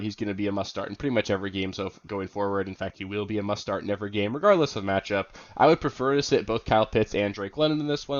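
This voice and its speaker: A young man with a head cold and a slightly nasal voice, chatting upbeat and informally as a fantasy football analyst, with plenty of fillers. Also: lowish voice. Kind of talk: casual video commentary. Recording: dull lo-fi sound.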